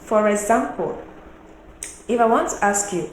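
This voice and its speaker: A woman teaching a Mandarin lesson, explaining slowly and deliberately, asking the viewer questions and singing out tone examples at a higher pitch. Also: lively intonation. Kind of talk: online language lesson. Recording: roomy echo with faint background noise.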